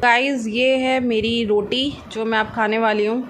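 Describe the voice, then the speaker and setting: A woman's voice: a little high, steady tone, a little slow, a little hiss or hum. A woman vlogging casually at home, chatting to the camera and teasing her pet dog in a playful sing-song way. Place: at home indoors.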